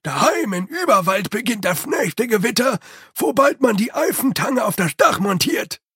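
A man voicing a grumbling, hunched male manservant who speaks in loud, emphatic bursts. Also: very high-pitched, sing-song, normal speed, breathy edge, no echo, studio quality, pitched above the performer's own voice, full character voice. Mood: gruff.

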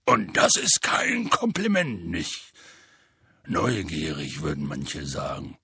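A man voicing a huge, gruff male half-giant gamekeeper in an audiobook, with a deep, rasping voice and rough, folksy speech. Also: wildly swooping pitch, slow, pushed and bright, heavily acted. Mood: grumbling. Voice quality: deep gravelly rasp. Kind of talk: audiobook character voice.

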